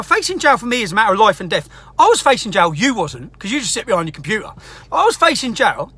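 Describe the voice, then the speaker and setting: A man's voice: very high voice, sharp tone. An angry man ranting straight to camera as a political activist, sweary and combative, hammering his points again and again. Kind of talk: angry direct-to-camera rant.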